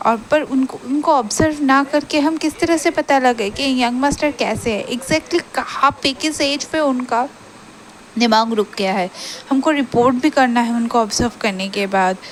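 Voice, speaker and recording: A woman's voice: sits high, normal speed, slight background noise. A woman retelling a romance story in a chatty, emotive way.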